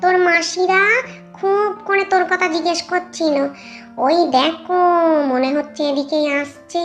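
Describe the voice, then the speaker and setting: This fussy ghost auntie, as a woman voices her scolds and teases with a very high voice. Soft music plays under this cartoon. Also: fairly even intonation, a little slow. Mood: busy. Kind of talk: cartoon voice acting.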